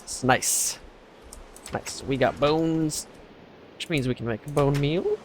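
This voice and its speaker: A man's voice: on the high side, slow, a little hiss or hum. A young man hosting a casual let's play, rambling through his plans with sarcastic asides and frequent laughs. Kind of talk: casual gameplay chat.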